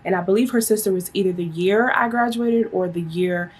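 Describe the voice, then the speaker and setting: Woman around thirty, medium pitch, chatty, casual vlog storytelling. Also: a little fast, a little mellow, breathy edge. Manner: chatty, conversational. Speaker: vlogger.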